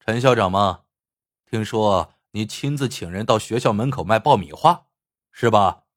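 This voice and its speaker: A man's voice: on the low side, lively intonation, moderate pace, no echo, clean studio sound. A man voicing a stern, officious male education official who talks in a reproachful way.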